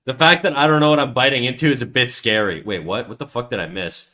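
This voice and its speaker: His medium-pitched voice is fast, pushed and bright. A livestreamer and artist, he chats casually while drawing, rambling, cursing, ribbing himself and repeatedly restarting his sentences.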